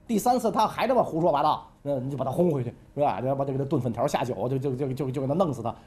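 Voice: mid-range voice, lively intonation, rapid-fire, a little mellow, pitched below the performer's own voice, lightly acted. A storyteller voicing a folksy, pragmatic male ancient ruler who muses in colloquial speech. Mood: musing. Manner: colloquial, musing, rhetorical "right?".

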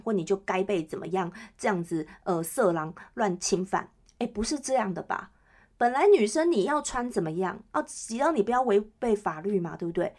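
Woman podcast host, chatty and lively, leans on listeners for agreement. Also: mid-range voice. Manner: chatty, keeps checking in with listeners. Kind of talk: casual solo chat.

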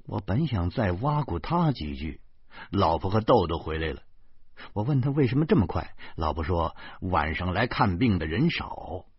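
A man narrating a novel in the first person, wry and animated. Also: sits low, moderate pace, slightly rough, no room sound. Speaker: audiobook narrator. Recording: dull lo-fi recording.

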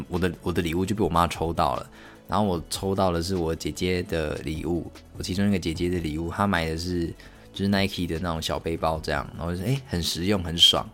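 A young man, casually telling family holiday stories on his podcast, rambling and correcting himself. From Taiwan. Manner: rambling, self-correcting, acts out family voices in high squeals. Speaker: podcast host. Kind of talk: casual solo podcast storytelling.

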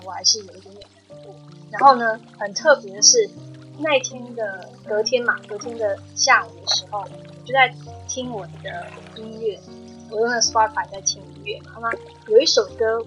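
A woman's voice: fairly high pitch, rough recording. A woman guest on a talk podcast, telling a personal spiritual story in an earnest, emotional way. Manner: earnest, emotional storytelling with soft-spoken quoted dialogue.

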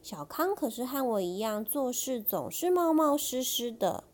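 A woman reading a picture book aloud to her child in a playful, gentle way. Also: fairly high pitch, sing-song, a little slow. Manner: playful, acts out characters with voices. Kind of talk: storybook read-aloud to a child.

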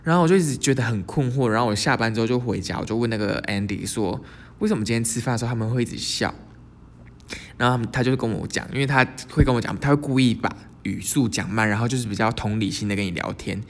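A young man from Taiwan speaks as he hosts his channel. He tells stories in a casual monologue, rattling along quickly at a middling pitch. He drops English words into his speech as he goes. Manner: lively storyteller mixing English words into Mandarin. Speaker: channel host.

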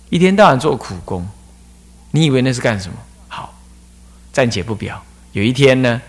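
Animated abbot. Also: male voice, mid-range voice, gravelly. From Taiwan. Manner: animated storytelling with rhetorical questions. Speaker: abbot and dharma teacher. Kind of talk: Buddhist dharma talk.

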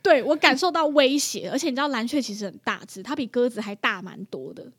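A young mother tells a story in a casual chat, animated and laughing often. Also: fairly high pitch, fast talker, slightly rough. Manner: animated, laughs often, acts out her own reactions.

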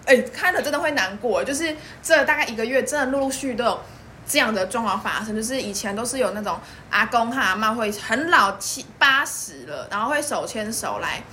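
A young woman with a Taiwanese Mandarin accent, a podcast guest telling lively stories and laughing often. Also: on the high side, fairly quick, a little hiss or hum. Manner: lively storytelling, laughs often, acts out quotes. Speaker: guest, pork stall worker. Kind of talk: casual podcast chat.

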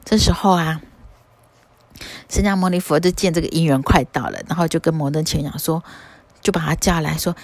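A woman's voice: low voice, brisk, long pauses, no room sound. A woman telling a story in a chatty, casual way, full of fillers and trailing endings.

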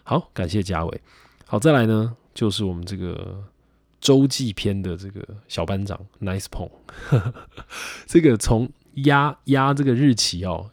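A man's voice: on the low side, no echo, studio quality. A young man with a Taiwanese Mandarin accent hosting a solo podcast, reflective and rambling with many fillers. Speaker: podcast host. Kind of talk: casual solo podcast talk.

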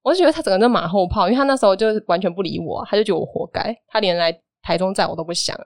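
A woman tells a story at a brisk clip, animated as she replays what everyone said. Her voice sits in a middle pitch and the recording is close and dry, with no room sound. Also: no room sound. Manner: lively storytelling, animated retelling of dialogue. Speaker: guest telling a personal story. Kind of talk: casual podcast chat.

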